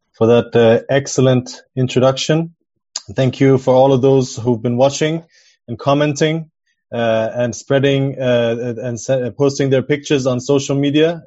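A man chairing an online meeting in a semi-formal, halting way, thanking and introducing speakers. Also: medium pitch, dark tone, dull audio. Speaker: session chair.

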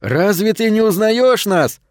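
A man's voice: sits high, animated, unhurried, no room sound, studio quality, pitched above the performer's own voice. A man voicing a chorus of radiant heavenly beings in a storybook reading, glad and uplifted. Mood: joyful. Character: joyful radiant heavenly beings, freed shadows. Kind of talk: audiobook storytelling.

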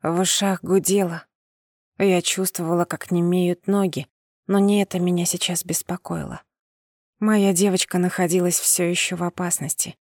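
A woman's voice: fairly low pitch, level tone, normal speed, darkish tone, no echo, clean studio sound. Woman reading a first-person audiobook. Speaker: audiobook narrator. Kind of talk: first-person scripted narration.

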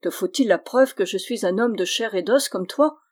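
A woman's voice: mid-range voice, moderate pace, close to an everyday voice. A woman voicing an impish little male dwarf who mocks and teases in a raised, exuberant voice. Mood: teasing. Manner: teasing, exuberant.

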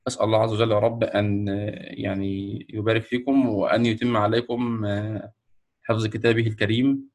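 A man with an Egyptian Arabic accent announces the winners of a Quran memorization course on a video call, speaking slowly and hesitantly, with many fillers and restarts. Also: lowish voice, little pitch movement, darkish tone. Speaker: ceremony host announcing winners. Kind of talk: ceremony announcement. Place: online video call presenting a screen.

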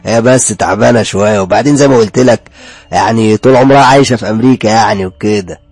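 A man's voice: lowish voice, quick pace, a little mellow, slightly rough, dry recording, voice pushed down. A man playing a swaggering young Egyptian biker. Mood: mocking. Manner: mocking, swaggering. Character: cocky young male biker cousin. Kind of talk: horror story reading.

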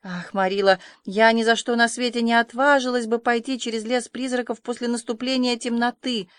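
A woman's voice: fairly high pitch, steady tone, brisk, clean tone, dry recording, lightly acted. A woman reading the part of an imaginative, chatty orphan girl who pours out her thoughts in long, effusive runs. The sound is close and dry. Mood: spooked. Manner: breathless, effusive storytelling.

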